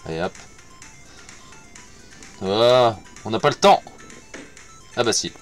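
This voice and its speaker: A man's voice: fairly low pitch, expressive, takes it slowly, faint music behind. A man gives casual commentary over his gameplay, muttering to himself, repeating words and swearing when he fails. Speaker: gamer playing on stream.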